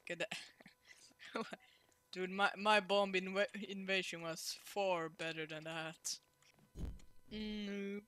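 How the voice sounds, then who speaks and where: A gamer giving casual gameplay commentary, excitable and laughing, trash-talking the other players. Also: mid-range voice, takes it slowly, pauses often, clean tone.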